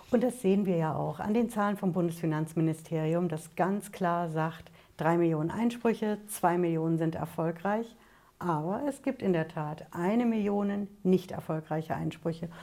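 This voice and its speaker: A woman's voice: lowish voice, gravelly, dark tone. A woman, a tax lawyer, explaining things to her viewers in an emphatic way and raising rhetorical questions. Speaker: tax lawyer, channel host. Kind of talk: explanatory talk to camera.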